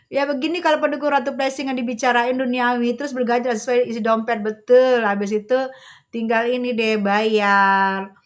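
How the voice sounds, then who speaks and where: Sassy, slow-talking woman on livestream. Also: on the high side, fairly even intonation. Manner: sassy, teasing, slangy, talks slowly and carefully. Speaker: livestream host. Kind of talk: casual livestream chat reading viewer comments.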